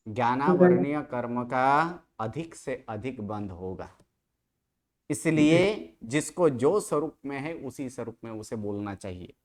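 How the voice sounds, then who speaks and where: A teacher with a smooth, resonant voice leads a grammar class. Questions come one after another, and each answer is repeated back slowly and deliberately. The delivery is clear and steady, with a mid-range pitch. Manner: quizzing students with constant questions. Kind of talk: classroom Sanskrit grammar lecture.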